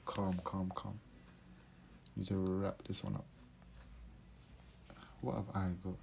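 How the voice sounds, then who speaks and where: A man's voice: low voice, little pitch movement, slow, gravelly, darkish tone, slight background noise. A young man with a London accent hosting a podcast, chatting casually in roadman slang. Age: young adult. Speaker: podcast host. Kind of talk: casual chat.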